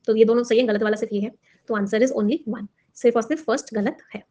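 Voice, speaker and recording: A woman teacher with a slightly high voice runs an exam-prep lesson. She explains in Hindi mixed with words and keeps putting questions to her students. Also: steady tone, fairly quick, warm tone, dull audio. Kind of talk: classroom lesson.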